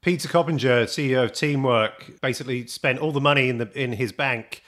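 A man hosting a podcast interview. He asks his questions in a casual, loose way, often restarting mid-sentence, at a mid pitch for a man. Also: a little fast, fairly bright tone. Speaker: podcast host. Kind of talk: interview host.

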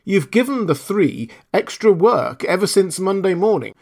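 A man voicing a magical desert djinn in a storybook reading, speaking slowly and emphatically with stern authority. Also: sits high, sing-song, vocal fry, a little mellow, pitched above the performer's own voice, heavily acted.

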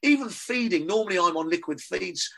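A man with a Cockney accent, co-hosting a gardening podcast and talking in an animated way, laughing easily. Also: sits high, a little fast, gravelly. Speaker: gardening expert co-host. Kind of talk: casual chat.

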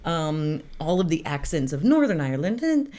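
Teasing woman with a lowish voice. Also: big pitch swings, normal speed, warm tone. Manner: teasing, chatty, talks over her partner. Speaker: podcast co-host. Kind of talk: casual chat.

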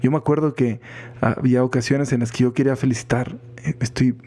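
A priest with a Mexican accent giving a chatty, informal reflection on the gospel, often laughing and acting out what people say. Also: male voice, medium pitch, fairly even intonation, fairly quick, warm tone, husky. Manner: chatty, laughs often, acts out quoted voices. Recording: podcast voice recording.

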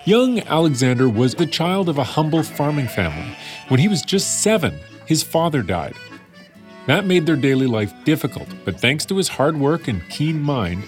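A man's voice: mid-range voice, very animated, normal speed, faint music behind. A man narrating a scripted story in a conversational way, with wry asides to the listener. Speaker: podcast narrator.

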